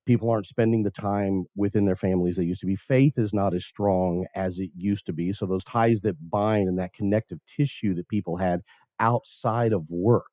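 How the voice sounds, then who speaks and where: Low-voiced man, dry, slightly dull recording. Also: dry recording. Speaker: discussion host. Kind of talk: conversational interviewing, reflective commentary.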